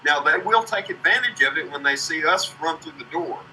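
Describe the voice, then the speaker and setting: A man's voice: on the high side, expressive, a little fast, sharp tone, far from the mic, a little hiss or hum, low-quality recording. A young man playing a tabletop game, earnestly reasoning aloud in casual chat. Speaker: player.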